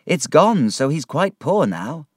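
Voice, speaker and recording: A man's voice: a little high, very animated, takes it slowly, slightly rough, no echo, clean studio sound, pitched above the performer's own voice, exaggerated voice. A man doing an earnest young friend.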